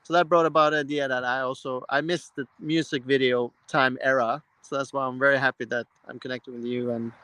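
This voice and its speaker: A man's voice: medium pitch, little pitch movement, fairly quick, hardly any pauses, sharp tone, clean tone, dry recording, poor audio. A man from Norway hosting a casual live stream, talking with enthusiasm in loose, rambling sentences full of restarts. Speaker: host. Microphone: live-stream mic.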